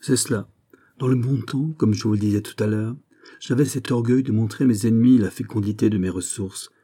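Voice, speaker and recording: A man's voice: on the low side, fairly quick, mellow, husky. A man reading the part of a proud, anxious finance minister, speaking earnestly. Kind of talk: audiobook character reading.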